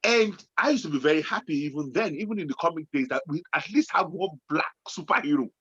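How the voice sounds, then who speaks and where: A man in his late forties, co-hosting a casual chat in an animated way, turning from loud excitement to low musing. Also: fast talker, husky. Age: 40s. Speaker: podcast co-host. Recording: dull lo-fi sound.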